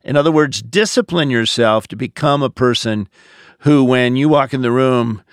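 A middle-aged or older pastor answers listener questions on a podcast, giving advice in a conversational way. His mid-range voice is clean-toned at normal speed, recorded in studio quality with no room sound.

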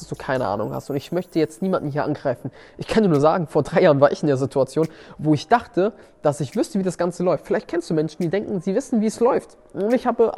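Fairly high in pitch yet dark in tone, this man's voice carries his motivational podcast as host and seminar coach. He's emphatic, repeats key words, and restarts his phrases often.

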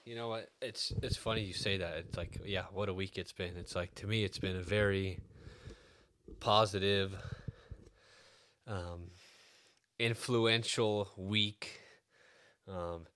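A low-voiced man hosts a podcast in a casual, reflective tone. He talks haltingly, feeling his way through his thoughts. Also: pushed and bright, clean tone. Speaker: podcast host.

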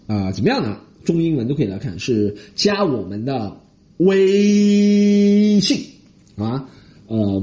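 Animated male comedian, mellow voice. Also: mid-range voice. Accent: Mandarin Chinese. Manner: animated, mixes English phrases, mocking voices. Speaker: comedian podcast host. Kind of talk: casual comedic monologue.

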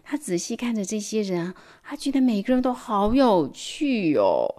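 Animated woman reading a storybook aloud. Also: mid-range voice, moderate pace. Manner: animated, with sound words and soft whispers. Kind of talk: storybook read-aloud for children.

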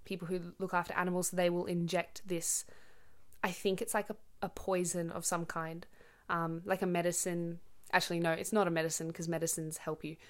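A young woman hosting a casual podcast, rambling with many ums and stopping to explain words simply. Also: on the low side. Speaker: podcast host. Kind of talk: casual chatty monologue.

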